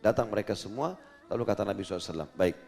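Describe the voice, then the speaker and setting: A male preacher telling a story in a sermon, acting out the dialogue with lively jumps in his voice. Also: very fast, gravelly, faint music behind. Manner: animated storyteller, acts out dialogue with pitch jumps.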